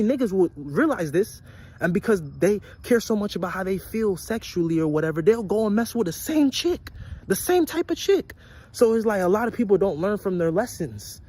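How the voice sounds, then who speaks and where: Young dude ranting to camera, kinda high voice, bit raspy, cussing and preaching, repeats himself a lot. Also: male voice, a little mellow. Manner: blunt, profane, preachy, lots of repetition. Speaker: vlogger. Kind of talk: casual motivational rant.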